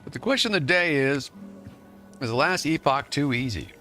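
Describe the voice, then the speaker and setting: A man's voice: mid-range voice, lively intonation, normal speed, sharp tone, soft background music. A man streaming a game live, reading patch notes aloud and chatting to viewers in a playful, jokingly boastful way. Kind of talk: live gameplay commentary and patch-note reading.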